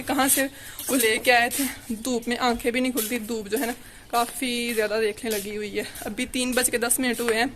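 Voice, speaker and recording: A woman's voice: on the high side, slight background noise. A young woman from Pakistan, rambling chattily through a home vlog outdoors in a sunny courtyard, filmed on a handheld phone. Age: young adult. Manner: rambling, chatty, leans on "you know" fillers. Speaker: family vlogger. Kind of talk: casual home vlog narration.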